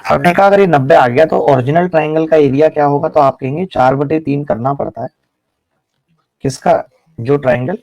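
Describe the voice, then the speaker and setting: A man's voice: medium pitch, creaky, a little mellow, no room sound. A man teaching a live online math class, explaining each step and teasing his students with jokes.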